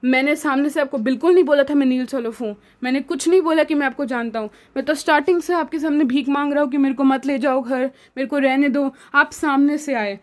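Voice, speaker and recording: Poor defiant tramp, read out by a woman teacher, high voice, plain storybook lesson delivery. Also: lightly acted. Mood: pleading. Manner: reads book lines slowly, retells in Hindi. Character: poor male tramp selling rattraps, defiant.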